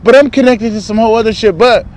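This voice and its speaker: High-voiced man venting, loose and profane. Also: fast, darkish tone. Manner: loose, profane street slang, rambling and candid. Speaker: spiritual vlogger. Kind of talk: casual spiritual vlog monologue.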